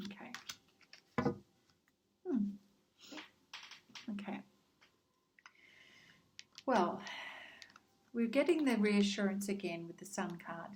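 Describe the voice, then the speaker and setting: A woman doing a casual spoken tarot card reading, gentle and reassuring, with frequent ums as she speaks straight to the listener. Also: mid-range voice, lively intonation, takes it slowly, long pauses, a little hiss or hum, poor audio. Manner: addresses the listener directly by star sign.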